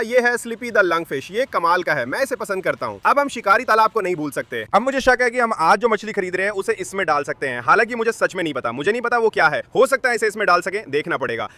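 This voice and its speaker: A man hosting a pet video channel, talking to viewers in an excited, chatty, upbeat vlog style. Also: high-pitched, no room sound.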